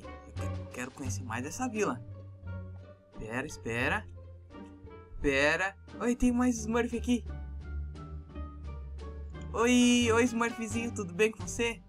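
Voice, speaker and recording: A man with a Brazilian Portuguese accent narrating a Minecraft role-play in an excitable, exclamatory way. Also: high-pitched. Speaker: gamer YouTuber.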